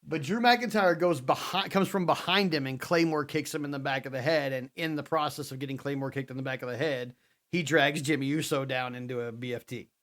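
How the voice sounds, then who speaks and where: A man co-hosting a wrestling podcast, retelling the week's shows in a casual, animated way and acting out what the wrestlers said. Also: medium pitch, fairly quick. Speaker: podcast co-host.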